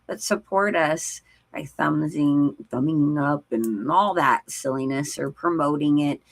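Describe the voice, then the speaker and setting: Slow, low-voiced chatty woman. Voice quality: Valley-girl inflection. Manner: chatty, laughs often, says "like" a lot. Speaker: co-host of a live stream show. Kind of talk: casual live-stream chat.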